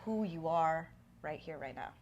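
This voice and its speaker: A woman's voice: low-pitched, animated, measured pace, a little mellow, dull audio, slight background noise. A woman in her thirties hosting a casual interview, asking questions in a playful, chatty way. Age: 30s. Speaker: host.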